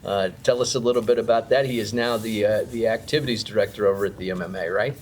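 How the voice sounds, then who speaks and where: A man's voice: fairly low pitch, steady tone, quick pace, slight background noise. A man hosting a local sports talk show, interviewing coaches and players in an easygoing way with lots of fillers. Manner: easygoing, many fillers and restarts. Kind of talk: casual interview.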